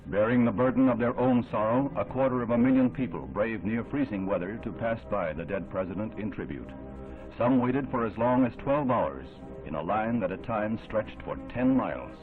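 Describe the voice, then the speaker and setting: A man giving solemn, measured, formal narration in an old 1960s newsreel. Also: fairly low pitch. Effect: old 1960s newsreel sound. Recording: thin narrow-band old film audio with music underneath.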